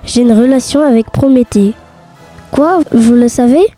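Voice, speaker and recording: A woman's voice: on the high side, moderate pace, warm tone, soft background music, close to an everyday voice. A woman voicing a proud goddess of wisdom and war who teases her listeners. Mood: cheeky. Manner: cheeky, teasing the listeners. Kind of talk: reciting a mythology monologue.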